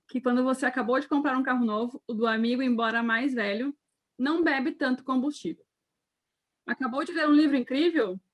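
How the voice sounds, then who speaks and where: A woman of thirty from Rio Grande do Sul, co-hosting a podcast with an upbeat delivery, chatting and reading scripted parts. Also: high-pitched. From Rio Grande do Sul, Brazil. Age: 30s. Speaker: podcast co-host.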